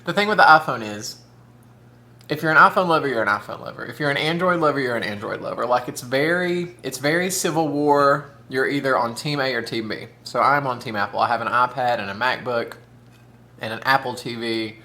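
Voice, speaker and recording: Bright, forceful, and brisk, this mid-range male voice belongs to a food vlogger in his thirties doing mukbang. He's camp and talkative, calling people "honey" and "y'all," and frequently speaks through a mouthful as he eats and chats.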